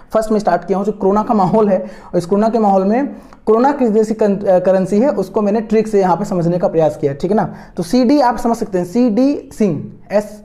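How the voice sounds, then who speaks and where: In an online exam-prep lesson, a male tutor explains memory tricks from slides, circling back to repeat each key word. His soft, mellow voice sits high with no edge, and he fills gaps with hesitant fillers while gently coaxing and encouraging students to follow along.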